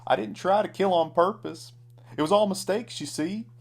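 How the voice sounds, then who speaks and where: A small clown outlaw from a storybook Western, pitched far up and pushed loud. The clown is folksy and sputtering, pleading innocence with a sly streak underneath. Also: male voice, moderate pace. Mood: tearful, pleading. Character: short, tearful, sly birthday clown outlaw of the West.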